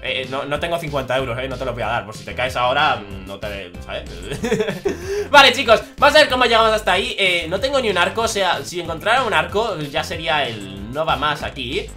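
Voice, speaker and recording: A young man giving excitable gameplay commentary, joking at his own expense and breaking into shouts. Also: on the high side, a little fast, faint music behind. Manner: excitable, bursts into shouts, self-mocking jokes. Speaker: gaming YouTuber.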